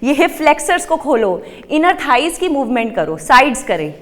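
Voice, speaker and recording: A woman's voice: sits high, big pitch swings, moderate pace, fairly bright tone, big-room sound. A woman wellness coach explaining exercise in a TV interview, mixing English into her talk and counting out moves.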